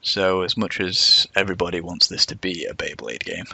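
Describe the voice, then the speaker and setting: A man's voice: low voice, steady tone, normal speed, gravelly, sharp tone, husky, no echo. A man with whistling S sounds, giving a rambling, self-deprecating, unscripted narration as a game developer.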